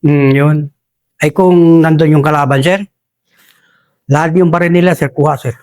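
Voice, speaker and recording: A man's voice: a little high, fairly even intonation, moderate pace, a little mellow, smooth. A man from Basilan, a retired soldier, telling a war story in a rambling way and addressing the host as "Sir" over and over. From Basilan, Philippines. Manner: respectful, says "Sir" constantly, rambling with restarts.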